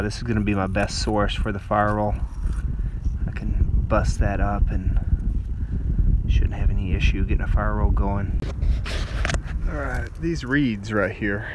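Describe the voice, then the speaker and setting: The voice is lowish, with noise in the background. It belongs to a man in his forties with a Texan accent, a survival vlogger working outdoors on an open sandy beach among the dunes and casually explaining survival skills, stating his steps simply as he handles things.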